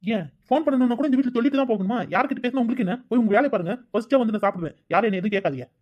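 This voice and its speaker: Voice actor doing a moody lovesick young guy, fast, muffled lo-fi sound. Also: mid-range voice, lively intonation, close to an everyday voice. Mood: sullen. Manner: sullen, snapping. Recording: dull lo-fi recording.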